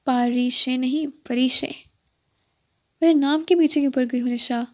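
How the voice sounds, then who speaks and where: A woman's voice: high-pitched, warm tone, close to an everyday voice. A woman voicing a proud young woman doctor who speaks curtly and tries to seem aloof, in an audiobook. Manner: curt and aloof.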